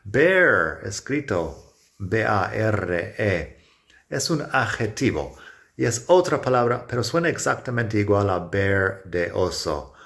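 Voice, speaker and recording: Slow, low-voiced man teaching pronunciation. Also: very animated, a bit bright. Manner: repeats words slowly, switches to clear modelled English. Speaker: English teacher. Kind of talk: pronunciation lesson.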